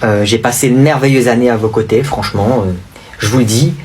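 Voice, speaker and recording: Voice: medium pitch, a little fast, a little mellow, far from the mic, slight background noise, close to an everyday voice. A performer voicing a hesitant, bewildered old male schoolteacher in a comedy sketch. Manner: hesitant, full of ums.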